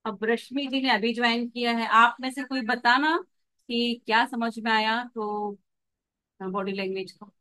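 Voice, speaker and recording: Woman, coach, online class, video call, lively, bright voice. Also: a little high, measured pace. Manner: lively, demonstrates with acted examples. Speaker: pregnancy coach.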